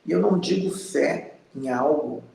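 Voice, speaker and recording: Slow, gravelly man in his fifties. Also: a little high, dark tone, echoey room, a little hiss or hum, rough recording. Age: 50s. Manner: slow, pausing, earnest and introspective. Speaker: spiritual channel host. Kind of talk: reflective spiritual monologue.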